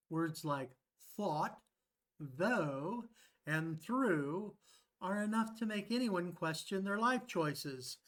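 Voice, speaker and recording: A man, an English professor, presenting a playful scripted video lesson. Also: sits high.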